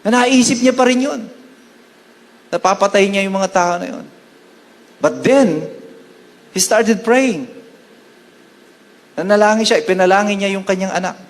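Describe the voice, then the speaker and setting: High-voiced Filipino pastor preaching in a hall. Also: male voice. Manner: switches between Tagalog and English, quotes scripture slowly. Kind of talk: sermon.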